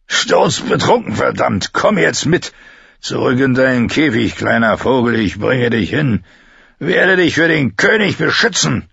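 A man voicing a drunk, scarred, brutal guard who taunts in slow, slurred, drawn-out phrases, in a slightly dull recording. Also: medium pitch, animated, gravelly, a bit bright, husky, no room sound, voice pushed up, exaggerated voice. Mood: drunken.

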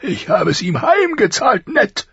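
Raspy, high-strung dying king. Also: wildly swooping pitch, a little slow, a bit bright, no room sound, lo-fi sound, full character voice. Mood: bitter, rough. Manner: barking, harsh commands. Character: dying wounded king, gruff and fierce. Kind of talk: audiobook character voice.

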